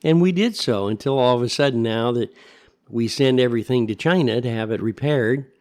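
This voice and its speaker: A man's voice: mid-range voice, a little fast, a little mellow. Older American male, opinionated old-timer delivering a rambling, sardonic back-in-my-day political rant. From United States. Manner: opinionated back-in-my-day ranting, rhetorical questions, sardonic asides. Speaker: commentator. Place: kitchen at home.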